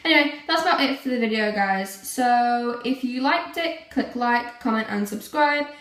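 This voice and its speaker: A woman's voice: fairly high pitch, lively intonation, moderate pace, fairly bright tone. Chatty teen girl vlogging, lots of ums and likes, sounds a bit far off in an echoey room. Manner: rambling, chatty, lots of fillers. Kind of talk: casual vlog chat. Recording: roomy, from a distance.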